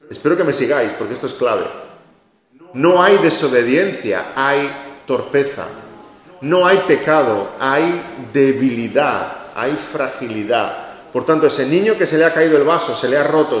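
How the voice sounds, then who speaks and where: A man preaching a sermon in a church hall, emphatic, repeating his key phrases and acting out short quotes. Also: medium pitch. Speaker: pastor. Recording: echoey hall with long reverb.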